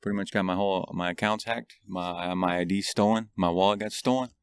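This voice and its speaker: Man from Montana, low smooth voice, halting speech, outdoors. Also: fairly even intonation. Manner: halting, many likes and restarts. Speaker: guest, army veteran. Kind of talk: casual storytelling. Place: outdoors in a parking lot.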